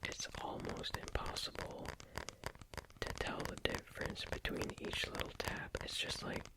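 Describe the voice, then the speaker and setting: An ASMR creator speaking entirely in a whisper, rambling casually and unhurriedly in a self-deprecating way. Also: rough recording. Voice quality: whispered, unvoiced. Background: crinkling bubble wrap and tapping.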